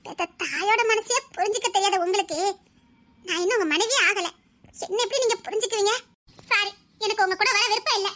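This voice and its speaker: A woman voicing a young bride who defies her quick-tempered husband in a dubbed serial drama, with nervous laughter. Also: very high voice, bright, forceful tone. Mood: defiant.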